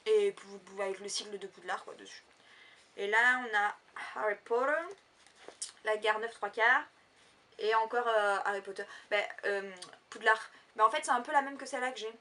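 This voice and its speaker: A woman's voice: medium pitch, normal speed, sharp tone, far from the mic. A woman chatting casually in a shopping haul vlog, rambling with lots of fillers. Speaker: vlogger.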